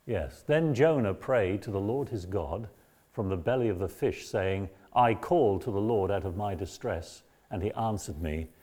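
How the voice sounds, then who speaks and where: A man giving a lecture on a Bible book, reading passages aloud and explaining them in a measured way. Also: fairly low pitch, expressive, warm tone. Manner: measured, explanatory, raises voice when quoting. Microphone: battery-powered mic.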